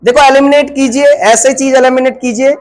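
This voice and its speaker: A man's voice: extremely high pitch, steady tone, brisk, low-quality recording. A male teacher giving an exam-prep grammar lesson, asking questions and answering them himself, and spelling words out letter by letter.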